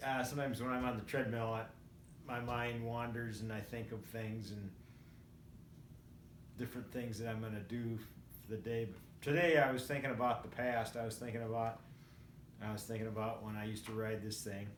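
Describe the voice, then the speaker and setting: A man in his sixties telling personal stories in a casual, rambling and reflective way, often halting mid-thought. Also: medium pitch, fairly even intonation. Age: 60s. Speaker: vlogger. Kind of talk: casual personal storytelling to camera. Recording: roomy echo, faint background noise.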